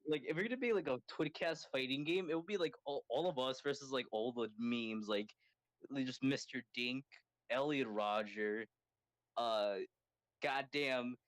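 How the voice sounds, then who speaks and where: A man co-hosts a casual podcast chat, rambling excitedly and packing his sentences with "like". His voice sits at an ordinary male pitch. The recording is dry and close, with no room sound around him. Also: a little slow, no room sound. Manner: rambling, excitable, filler-heavy with constant "like". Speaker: podcast co-host.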